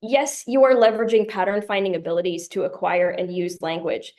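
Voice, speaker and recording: A woman's voice: mid-range voice, little pitch movement, brisk, a little mellow. Woman giving an academic lecture. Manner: clear, explanatory, lightly humorous asides. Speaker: conference tutorial presenter.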